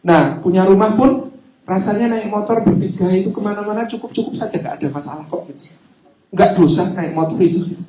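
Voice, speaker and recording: A man preaching a sermon, telling personal stories with jokes and a lively delivery. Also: sits high, a little fast. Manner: lively, joking, personal anecdotes. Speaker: Islamic preacher. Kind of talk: humorous sermon storytelling. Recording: echoey hall.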